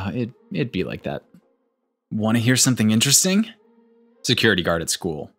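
A man reading meme captions aloud and adding wry, deadpan comments. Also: on the low side, normal speed, husky. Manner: wry, deadpan asides between read captions. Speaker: meme video narrator.

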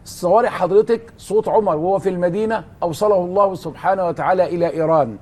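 Speaking fast in a high, somewhat mellow voice, a man with an Egyptian Arabic accent, a religious scholar, tells stories on a studio talk show. He fervently asks himself rhetorical questions and answers them.

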